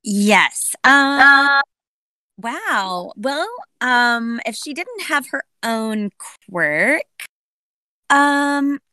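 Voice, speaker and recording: A woman with a bright, forceful voice answers fan questions in a casual panel chat. She hesitates and hunts for her words, filling gaps with soft ums. The sound is dry and close. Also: fairly high pitch, dry recording. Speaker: voice actress on a convention panel.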